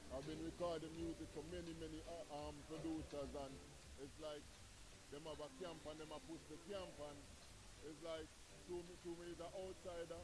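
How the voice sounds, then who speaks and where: Earnest Caribbean man with a high voice. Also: level tone, moderate pace, low-quality recording. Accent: Caribbean patois. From Trinidad and Tobago. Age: middle-aged. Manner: earnest, preachy, repeats "you know what I mean". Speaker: reggae artist guest. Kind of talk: interview at a venue. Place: music lounge, indoors. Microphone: handheld mic held by interviewer.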